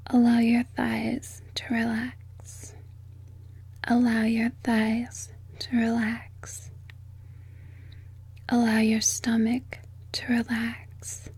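A woman whispering a sleep hypnosis script in a slow, soothing, repetitive way. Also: a little high, a little mellow. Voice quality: breathy.

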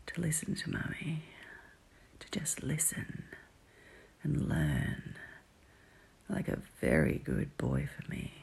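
A woman murmurs close and slow in a very breathy, husky whisper that often drops into a gravelly fry. Her delivery is soft and teasing, with long drawn-out hums between phrases. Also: very deep voice. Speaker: audio roleplay performer. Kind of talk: intimate whispered roleplay audio.

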